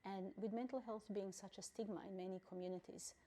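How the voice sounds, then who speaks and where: In a measured, reflective interview, a middle-aged woman from Bosnia, president of a refugee council, pauses frequently and uses fillers. She speaks in a mid-range voice with fairly even intonation and a mellow sound.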